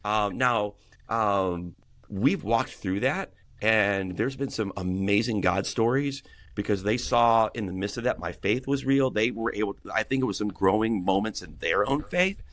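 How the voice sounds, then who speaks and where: Middle-aged male pastor guest, earnest, rambly, restarts a lot, lower register. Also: moderate pace, fairly bright tone. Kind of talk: casual podcast conversation.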